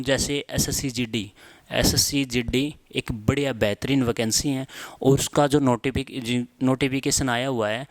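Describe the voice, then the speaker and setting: A young male teacher gives a casual exam-prep lesson, dropping fillers at the end of phrases and repeating key words slowly for dictation. His voice is smooth and clear at a middle pitch. The recording is close and dry. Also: no room sound. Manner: frequent filler tags at phrase ends.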